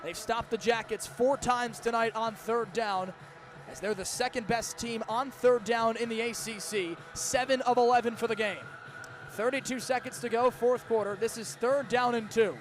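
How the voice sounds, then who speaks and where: A young American man, a sports play-by-play announcer, calls live football at a stadium broadcast in an emphatic, dramatic way. His voice is extremely high in pitch and steady in tone, at normal speed.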